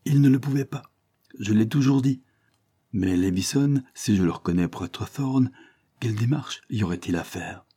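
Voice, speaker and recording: A man voicing a frightened young man on the run, talking in an agitated, pleading, high-strung way. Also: moderate pace, warm tone, husky. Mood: fearful, agitated.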